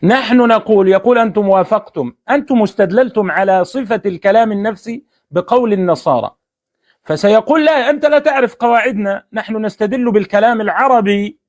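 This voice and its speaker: A man's voice: high-pitched, expressive, fast talker. A man with an Egyptian Arabic accent in a heated religious debate, pressing and repeating his question with taunts.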